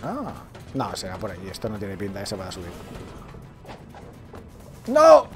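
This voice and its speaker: A Spanish man with a Valencian accent giving casual, joking commentary as he plays a game, shouting and yelping when things go wrong. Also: low-pitched, lively intonation, fast, soft background music. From Spain. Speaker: gaming streamer.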